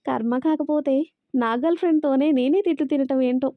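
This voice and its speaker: A woman's voice: high voice, fairly quick, no room sound. A woman voicing a stressed, exasperated young man. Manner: tense, exasperated. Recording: dry, slightly dull recording.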